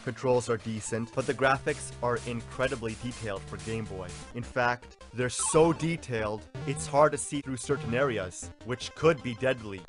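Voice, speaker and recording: A man's voice: medium pitch, moderate pace, few pauses. A man narrating a scripted comedic video game review in a blunt, sarcastic, exasperated way. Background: music.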